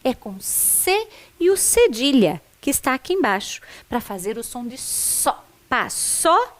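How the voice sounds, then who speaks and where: A woman's voice: on the high side, very animated, a little slow. A woman teacher giving a recorded literacy lesson for adults, sounding out words syllable by syllable in an encouraging way. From Brazil.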